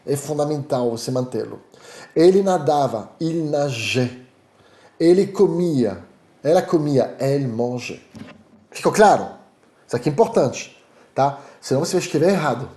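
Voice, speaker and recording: Teaching French online through Portuguese, this animated man from Paris speaks with a French accent and a fairly high pitch. He repeatedly checks that students follow with "tá?", and the room sounds echoey.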